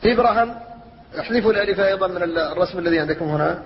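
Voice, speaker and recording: A man with a high, flat voice lectures in a measured teaching manner, slowing down to chant quoted verses. The recording is dull and lo-fi, with a long reverb trailing through a large hall. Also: creaky, slight background noise. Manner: measured explanatory teaching, slows to recite verses. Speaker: Islamic scholar teaching Quran recitation rules.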